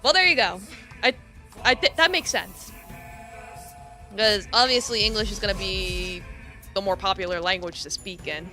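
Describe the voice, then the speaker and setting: A woman's voice: mid-range voice, moderate pace, pauses often, pushed and bright, soft background music. A woman streaming a game, chatting casually with viewers in a giggly, rambling way full of fillers. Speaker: VTuber streamer. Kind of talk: casual live-stream chat while gaming.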